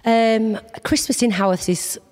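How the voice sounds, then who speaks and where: A woman with a Yorkshire accent answering interview questions conversationally, often pausing on ums, in a large old room. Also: a little high, steady tone, darkish tone. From West Yorkshire, England. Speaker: interview guest, local events organiser. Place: large old schoolroom, indoors. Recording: long echo of an old hall.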